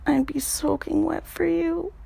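Breathy high-voiced whispering woman. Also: fairly even intonation, measured pace. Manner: soft breathy whispering with sighs. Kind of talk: whispered intimate storytelling.

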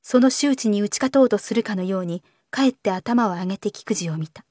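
Calm woman reading a novel aloud. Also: medium pitch, dry recording, clean studio sound. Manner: calm, measured literary narration. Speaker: narrator.

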